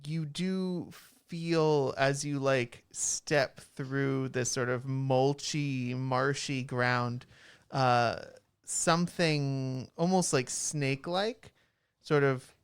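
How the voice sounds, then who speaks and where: A man's voice: medium pitch, fairly even intonation, extremely slow, clear, resonant tone. A man narrating a tabletop game as game master, describing scenes loosely with many fillers and restarts. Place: college radio studio.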